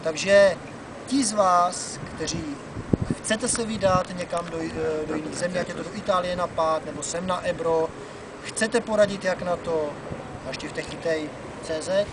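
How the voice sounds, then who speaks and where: A man's voice: high-pitched, steady tone. A man in his thirties from the Czech Republic, chatting casually about fishing on a river dock, with lots of "eh" fillers. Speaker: angler and fishing vlogger. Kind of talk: casual outdoor fishing talk to camera. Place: outdoors on a wooden dock by a wide river. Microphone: camera mic from a few meters away. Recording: distant camera mic with outdoor noise.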